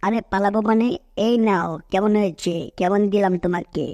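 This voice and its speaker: A woman's voice: medium pitch, fairly even intonation, a little fast, darkish tone, dry recording, highs cut off, lightly acted. Cartoon dub: a sly, teasing mouse, played by a woman in her ordinary mid-range voice. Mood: cheeky. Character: Jerry, a cheeky, scheming cartoon mouse.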